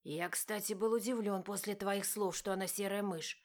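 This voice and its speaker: A woman's voice: mid-range voice, fairly even intonation, moderate pace, lightly acted. A woman voicing an easygoing male friend who teases offhandedly and turns defensive. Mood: teasing.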